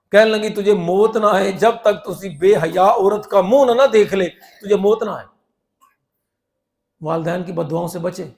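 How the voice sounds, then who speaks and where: A man delivers a sermon in a high, bright voice. He tells stories animatedly, acting out the voices of the people in them. He moves between loud, urgent stretches and hushed ones. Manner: animated, acts out quoted voices, swings from loud to soft. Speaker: preacher. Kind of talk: sermon storytelling.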